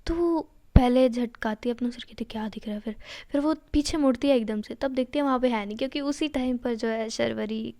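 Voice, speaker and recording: A woman's voice: fairly high pitch, a little fast, hardly any pauses, dark tone. A woman telling a romance story in a casual, chatty way, dropping in English phrases.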